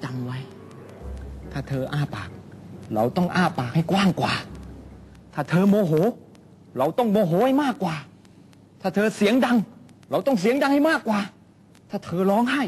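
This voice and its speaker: A man acting in a sketch comedy as a love advisor, preachy and dropping to a low solemn voice. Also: lively intonation, normal speed, pauses often, a little hiss or hum.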